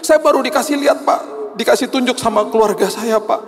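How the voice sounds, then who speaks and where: A preacher putting on a tearful young driver, high and pleading. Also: male voice, normal speed, gravelly. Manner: pleading, repeating "Pak" after each phrase. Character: tearful young male ride-hail driver, emotional and eager. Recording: long reverb of a large church hall.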